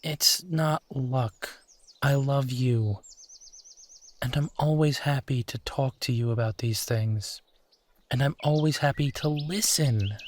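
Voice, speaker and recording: With a slightly mellow mid-range voice, a roleplay performer voices a loving husband offering comfort in an intimate scenario. He stays gentle and supportive, talking reassuringly and conversationally while taking his time between pauses.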